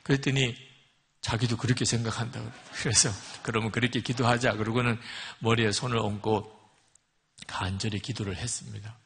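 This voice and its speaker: A male pastor preaching a sermon, telling a story with quoted dialogue and emphatic swings in loudness, in a church sanctuary. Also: on the low side, steady tone, normal speed, creaky, husky. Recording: long hall reverb.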